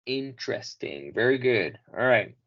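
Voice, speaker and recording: A man teaching English in Spanish over a video call, patiently modeling each word slowly and clearly for his students. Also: mid-range voice, sing-song, muffled recording. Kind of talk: online class correcting pronunciation.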